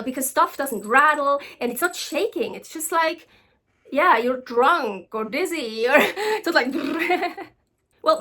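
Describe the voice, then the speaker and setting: A Swiss woman whose first language is Swiss German vlogs to camera, telling casual stories. Her voice sits high with a fairly bright tone, and she is chatty, with many ums and restarts.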